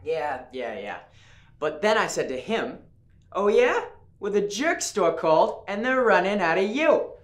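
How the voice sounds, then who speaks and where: A man's voice: a little high, a little slow. A teen boy playing a flustered, boastful schoolboy. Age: teens. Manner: animated and stammering. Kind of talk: student film acting. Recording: roomy, distant school video.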